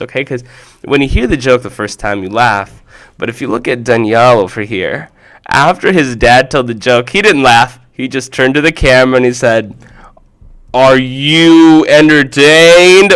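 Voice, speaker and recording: A man hosting a children's show, playfully and excitedly reacting to clips that viewers sent in. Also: medium pitch. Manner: animated and playful, exclaiming often.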